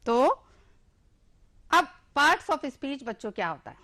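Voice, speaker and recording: A woman teacher with an Indian accent and a high voice, talking slowly and deliberately. She explains in Hindi and drills short English words one by one so children can repeat them after her. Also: big pitch swings, sharp tone. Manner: addresses pupils as children. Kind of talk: classroom-style lesson.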